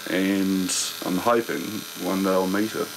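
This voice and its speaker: A man's voice: low-pitched, fairly even intonation, measured pace, vocal fry, noisy background. A man with a broad New Zealand accent, chatting casually in slangy, blokey Kiwi speech. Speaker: reality documentary participant. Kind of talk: casual chat. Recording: music playing behind the voice.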